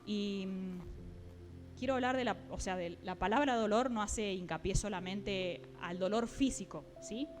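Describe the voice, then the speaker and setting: A woman's voice: mid-range voice, soft background music. Woman preaching a sermon. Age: adult, mother. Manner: keeps checking in with listeners, pausing with fillers.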